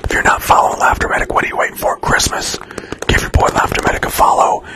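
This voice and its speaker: Whispering man hosting an ASMR livestream. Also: fast. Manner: whispering, chatty, thanking viewers for gifts. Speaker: livestream host.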